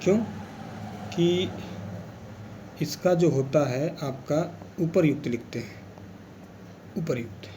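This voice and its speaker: A man's voice: on the high side, slow, long pauses, mellow, a little hiss or hum. A man teaching an exam revision lesson, explaining patiently and repeating key words as he goes.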